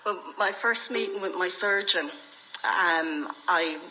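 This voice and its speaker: A woman's voice: fairly low pitch, takes it slowly, background noise. A middle-aged woman with an Irish accent, telling her own story frankly and reflectively as an interview guest. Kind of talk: candid personal storytelling in conversation.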